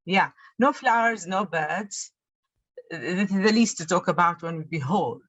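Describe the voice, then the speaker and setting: A woman from the audience offers a comment on a video call. Her voice is fairly low and sounds dry and close, and she halts and repeats herself as she goes. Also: animated, fairly bright tone, no room sound. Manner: halting, repeats words, uh fillers. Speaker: audience member.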